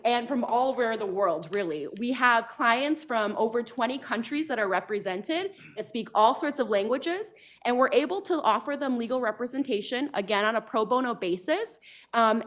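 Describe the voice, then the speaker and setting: A woman law professor introducing herself at a panel event, speaking earnestly with frequent ums. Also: fairly high pitch. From United States. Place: lecture hall event.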